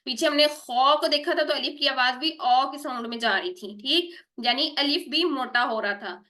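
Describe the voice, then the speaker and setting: A woman teaching an online Quran recitation lesson, patiently repeating herself and modelling each sound slowly. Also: high voice, pushed and bright.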